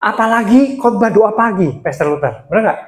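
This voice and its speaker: A man with a touch, teaching beginners how to preach in a lively workshop style, swinging his pitch up and down and laughing often. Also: a little fast. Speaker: preaching trainer. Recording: echoey room sound.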